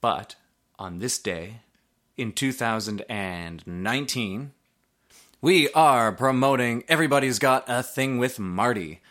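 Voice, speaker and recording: A man's voice: medium pitch, lively intonation, unhurried, fairly bright tone. A man hosting a podcast in casual chat, rambling along with lots of fillers and the odd swear word. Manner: loose, rambling delivery with frequent fillers and swearing. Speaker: podcast host.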